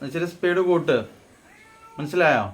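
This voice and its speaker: A man gives a relaxed phrase lesson. His voice sits a little high for a man. He says each example slowly and carefully, then explains it in a conversational way. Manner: slow, deliberate model phrases, then explained in Malayalam. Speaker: Hindi teacher. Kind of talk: casual spoken-Hindi lesson.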